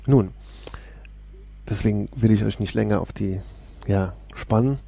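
A man's voice: lowish voice, a little slow, vocal fry, dark tone, breathy edge. A man hosting a devotional video, reading a psalm and eagerly encouraging the viewers as he goes. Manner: enthusiastic, exclaims often, speaks straight to viewers. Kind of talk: casual devotional talk with Bible reading.

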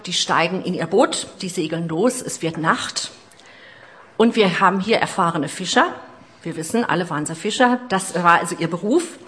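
A middle-aged woman with a mid-range voice preaches a sermon, retelling a story peppered with personal asides and swinging between loud emphasis and hushed lines.

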